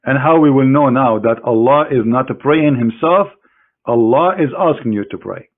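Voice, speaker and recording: This medium-pitched man keeps a moderate pace, and his voice sounds thin, as if over a phone. Scornful and sarcastic, he talks right at the opposing side while presenting a screen demonstration as a religious critic, mocking throughout his lecture.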